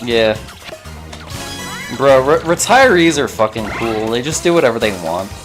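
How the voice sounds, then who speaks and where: A man's voice: mid-range voice, lively intonation, moderate pace. Laughing man joking on a stream. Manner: laughing, riffing on jokes. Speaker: streamer co-host. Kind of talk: casual chat. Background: game music.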